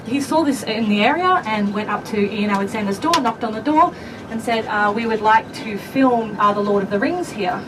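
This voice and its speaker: A woman giving a guided tour outdoors, chatty and often checking in with her group. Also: mid-range voice. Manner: chatty, tags lines with "okay?". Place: outdoors on a farm film set. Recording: noisy outdoor camera audio.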